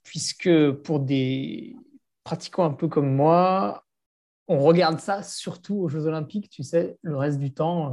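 A man's voice: a little high, darkish tone, breathy edge. A man hosting a podcast, asking chatty questions in a remote interview. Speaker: podcast host.

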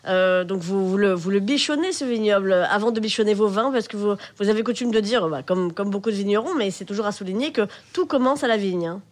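A woman's voice: mid-range voice, a little fast, few pauses. A woman wine journalist on a radio show, asking a guest questions in a friendly way with many fillers.

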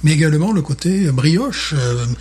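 A man's voice: fairly high pitch, animated, moderate pace, a little mellow, husky. A man with a Parisian French accent chatting casually as co-host of a beer tasting podcast, enthusiastic and often repeating himself.

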